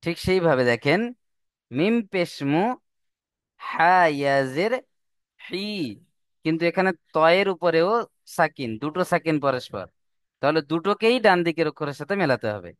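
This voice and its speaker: A man's voice: a little high, lively intonation, normal speed, long pauses, smooth, dry recording, studio quality. A man teaching Quran reading rules step by step, stretching out the example words in a sung recitation. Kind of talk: slow step-by-step lesson.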